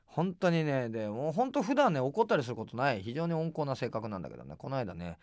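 A middle-aged man hosting a radio show, telling rambling casual anecdotes in rough, filler-heavy speech and acting out quoted dialogue. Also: fast, no room sound, studio quality. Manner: animated, acts out quoted dialogue with big pitch jumps. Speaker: radio host.

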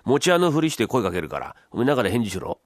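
A man doing a gruff, broke Edo husband. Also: mid-range voice, sing-song, fast talker, no echo, studio quality, close to an everyday voice. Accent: Edo-style Tokyo. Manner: rough, clipped, scolding.

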